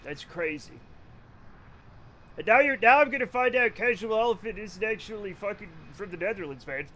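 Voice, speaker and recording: A man's voice: high voice, expressive, moderate pace, pushed and bright, a little hiss or hum. A man from Rhode Island chatting casually on a live game stream, rambling, joking, cursing freely and laughing often. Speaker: livestreamer. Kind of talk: casual live-stream chat while gaming.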